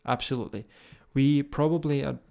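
A podcast host who coaches fitness addresses listeners directly in a relaxed, motivating way, his Scottish accent coming through strongly. The pitch is medium and the tone steady and warm, though creaky, and he talks a little fast.

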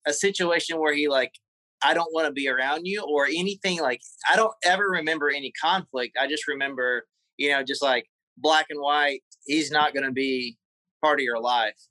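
A man with a Southern US accent, a guest in a personal interview, talking haltingly with many fillers and repeated words. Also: a little high, bright, forceful tone, dry recording, rough recording. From South Carolina.

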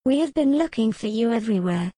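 A man's voice: very high-pitched, expressive, fast talker, mellow, no echo, voice pushed up. A man putting on Eve, an anxious young woman. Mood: worried. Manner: worried, urgent.

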